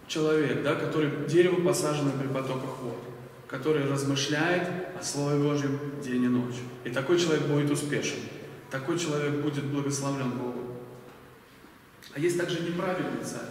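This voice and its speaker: The speaker, a man in his forties, has a slightly high, darkish voice with a little hiss or hum. At a lectern in a bright church hall with large windows, he preaches a conversational sermon packed with fillers and questions for the audience. He's filmed from afar using a lectern stand mic, so the hall sounds echoey and distant.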